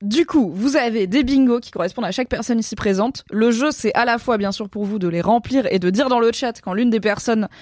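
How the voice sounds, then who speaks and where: A woman's voice: on the high side, a little fast, hardly any pauses, darkish tone, dry recording, clean studio sound. Chatty woman hosting a live stream. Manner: chatty, mixes English words into French. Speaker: host. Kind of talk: casual live-stream chat.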